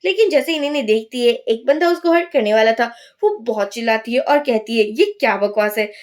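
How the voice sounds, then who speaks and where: A woman narrating a drama recap in a lively, conversational way. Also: fairly high pitch, fairly quick. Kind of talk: storytelling recap.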